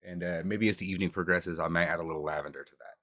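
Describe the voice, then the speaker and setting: A man's voice: low voice, steady tone, racing, fairly bright tone, no room sound, clean studio sound. A man casually chatting on a home livestream about tarot, rambling and loosely profane, with the camera on a table. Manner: rambling, loose and profane, talks with mouth full at times. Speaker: streamer doing tarot readings.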